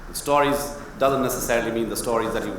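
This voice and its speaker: A man's voice: mid-range voice, quick pace, a bit bright, recorded from a distance. A man moderating an open-house question session, conversational and rhetorical, who puts questions to the audience. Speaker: faculty moderator. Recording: echoey hall, off-mic, faint noise.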